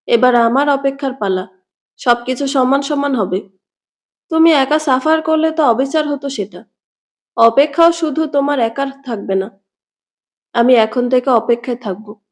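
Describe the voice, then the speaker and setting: A woman's voice: high voice, moderate pace, long pauses, close to an everyday voice. A woman voicing a desperate young man begging his former lover to take him back, in a storybook reading with a pleading, reproachful manner. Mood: bitter.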